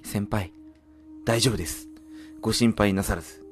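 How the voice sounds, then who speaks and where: A man's voice: lowish voice, steady tone, moderate pace, slight background noise, natural voice. A man voicing an earnest junior onmyoji apprentice in a game, with polite, theatrical, old-fashioned speech. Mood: determined. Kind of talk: game dialogue read in character. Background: game music.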